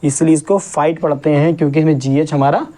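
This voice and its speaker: A male English teacher giving a classroom lesson, asking questions and repeating each point slowly. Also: on the high side, steady tone, warm tone. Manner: drills word sounds syllable by syllable.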